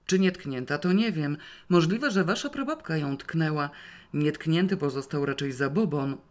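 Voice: mid-range voice, expressive, normal speed, close to an everyday voice. A reader voicing a stern, sarcastic elderly grandmother who talks in a curt, scornful, commanding way. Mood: dry.

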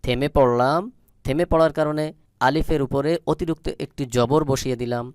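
Bengali-accented guy teaching recitation, slow and deliberate, dry close sound. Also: mid-range voice, fairly even intonation, darkish tone, smooth, no echo. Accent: Bangladeshi Bengali. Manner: slow, deliberate, repeats syllables drawn out. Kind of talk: spelling-out recitation lesson.

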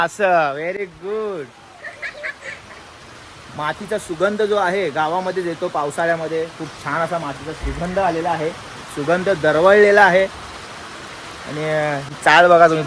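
High-voiced man vlogging in the rain. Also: low-quality recording. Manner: chatty and excited, calls out to family. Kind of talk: casual vlog narration to viewers. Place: outdoors in a village in the rain. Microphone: handheld phone. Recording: loud rain noise outdoors.

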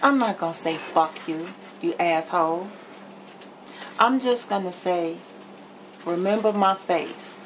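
A middle-aged woman vlogger chats to camera while cooking in her home kitchen, candid, emphatic and blunt. She speaks slowly in a lowish voice, pausing often. Audio quality is poor, with noticeable background noise in the kitchen.

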